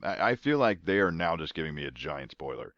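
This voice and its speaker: Very deep sarcastic man, lively delivery. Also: no room sound, muffled recording. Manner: sarcastic, reads verses slowly with mock solemnity. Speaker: podcast co-host reading scripture. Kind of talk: casual comedic chat and scripture reading.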